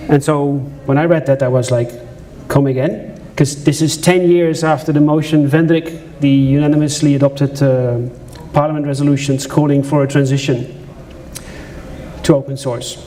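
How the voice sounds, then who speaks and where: In a conference lecture room, a Dutch-accented man from the Netherlands gives a conversational presentation full of asides to the audience and frequent restarts. His warm voice is a little high, with fairly even intonation and a moderate pace, and there is slight background noise.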